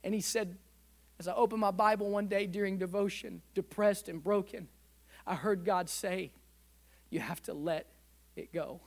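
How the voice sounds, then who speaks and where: Pastor, male, higher-pitched voice, preaching storytelling sermon with fervent prayer, church sanctuary. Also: fairly even intonation, normal speed, gravelly.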